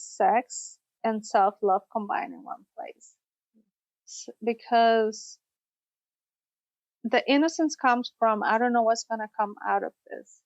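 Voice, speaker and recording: Higher female voice from Costa Rica, therapist guest, dry muffled podcast sound. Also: dry recording. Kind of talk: podcast interview. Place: studio, in person.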